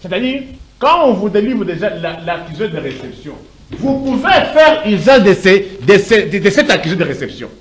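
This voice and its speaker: A man's voice: sits high, big pitch swings, normal speed. A middle-aged man, an indignant, emphatic panelist in a heated studio debate who stumbles over repeated words. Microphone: desk microphone.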